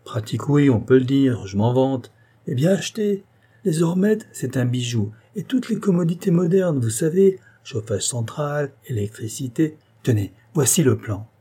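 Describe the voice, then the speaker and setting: A man voicing a boastful, hearty middle-aged provincial notary, talking in quick exclamations. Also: medium pitch, lively intonation, warm tone, slightly rough. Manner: hearty, exclamatory, self-satisfied.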